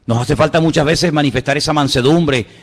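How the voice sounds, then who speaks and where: Animated pastor in a reverberant hall. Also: male voice, fairly high pitch, fairly quick, vocal fry. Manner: animated preaching, rhetorical questions to the congregation. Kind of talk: sermon.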